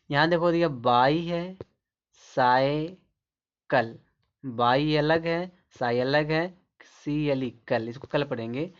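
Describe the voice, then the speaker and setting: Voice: medium pitch, smooth, muffled recording. Teacher explaining with rhetorical questions. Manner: repetitive, asks rhetorical questions and answers them. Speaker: English teacher. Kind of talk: classroom-style explanation to camera.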